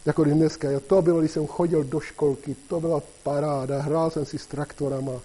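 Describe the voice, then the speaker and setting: A man preaching a casual, conversational sermon, often checking in with his listeners and getting louder and higher when he reads scripture. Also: fairly even intonation, rough recording. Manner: conversational, constantly asks "jo?" and "že jo?"; rises in pitch and loudness when reading scripture.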